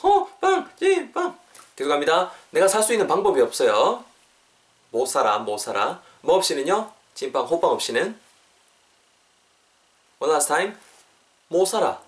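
A man teaching English phrases in a video lesson. He coaxes his viewers to repeat after him and shifts between quick Korean and slow, deliberate English. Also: a little high, sing-song.

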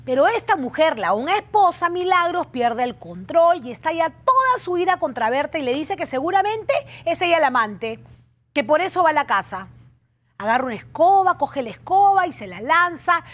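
A woman's voice: high-pitched, very animated, normal speed, fairly bright tone. A woman hosting a television talk show, speaking emphatically and repeating key phrases for dramatic weight. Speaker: TV show host.

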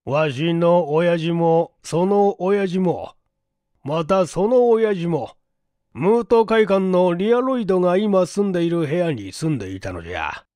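An actor playing a shrewd, shabby 97-year-old man who talks in slow, folksy old-man speech in an audiobook drama. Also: sits high, expressive, dark tone, no room sound. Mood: confiding.

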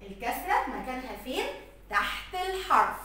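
A woman with an Egyptian Arabic accent teaching letters to young children, slowly stretching out sounds and words. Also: high-pitched, sing-song, pushed and bright, very echoey, distant mic, slight background noise. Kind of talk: recorded lesson for young children.

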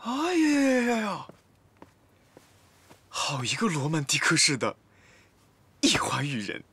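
Teasing young office guy in a tv drama, theatrical, super animated, bit husky, dry sound. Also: on the high side, slow, no room sound, full character voice. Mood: mock-theatrical. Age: 20s. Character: playful, teasing young male office employee. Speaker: actor in a TV drama. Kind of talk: light comedic TV drama dialogue.

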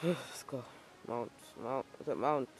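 A man giving excitable, self-mocking commentary while playing a video game, swearing at it when things go wrong. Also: mid-range voice, slow pace, soft background music. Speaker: gaming YouTuber. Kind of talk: let's-play commentary.

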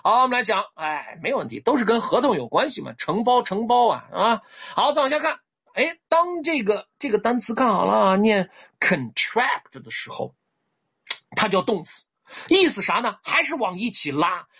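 A man's voice: high-pitched, big pitch swings, moderate pace, fairly bright tone, slightly rough. A man, teaching English vocabulary in an online class and often checking whether students follow. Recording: dull lo-fi recording.

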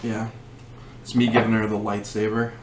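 A young man co-hosting a podcast in casual chat, riffing jokes and acting out quotes. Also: lowish voice. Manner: jokey, acts out quotes, quick riffs. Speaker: podcast co-host. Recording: echoey room with steady noise.

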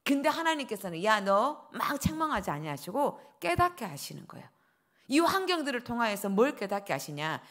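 A middle-aged woman pastor delivers a dawn service sermon in a fairly high voice. Her pitch leaps and falls as she acts out quoted prayers and the dialogue of her stories with lively feeling. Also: fairly quick. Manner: animated preaching, acting out quoted prayers and dialogue.

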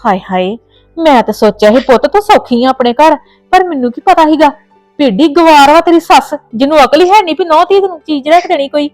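Faint music plays behind a woman voicing a Punjabi-accented mother on the phone in a family drama scene, by turns comforting her daughter and indignantly berating the in-laws out of worry and fierce protectiveness. She speaks a little fast in a high, animated, slightly mellow voice, with no echo.

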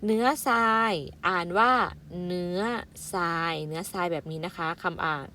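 A primary school teacher, a woman, reading out vocabulary syllable by syllable for young pupils, with gentle polite fillers and a motherly way of addressing them. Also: lowish voice, moderate pace, slight background noise. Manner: spells out words syllable by syllable and adds polite "na kha" fillers. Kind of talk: slow, careful vocabulary lesson for young children.

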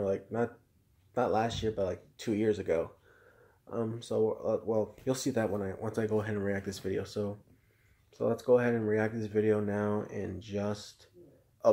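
A man hosts a home reaction video in a lowish, mellow voice. He rambles along in casual commentary, circling back and restarting his sentences as he goes. It sounds like an indoor room at home.

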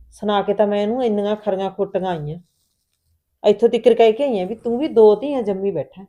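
An actress in a family drama, talking earnestly, reassuring at times and heated at others. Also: female voice, mid-range voice, mellow, lightly acted. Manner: earnest, reassuring, turns heated when angry. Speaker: Binder, sister-in-law in the household. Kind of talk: Punjabi family drama acting.

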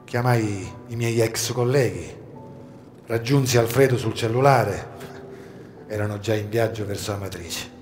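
A man performing a dramatic first-person monologue at a live outdoor show, moving between hushed low passages and urgent shouts. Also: measured pace, faint music behind. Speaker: stage reader of a monologue. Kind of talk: theatrical first-person storytelling. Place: outdoor garden stage.

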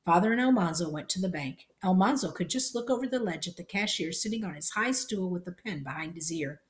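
A woman reading a storybook chapter aloud in plain, steady narration. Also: on the low side, fairly quick.

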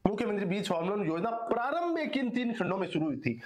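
A hoarse man teaching an exam-solution lecture, repeating answers and asking and answering his own questions. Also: high voice, sing-song, quick pace. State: hoarse, strained throat. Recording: echoey room.

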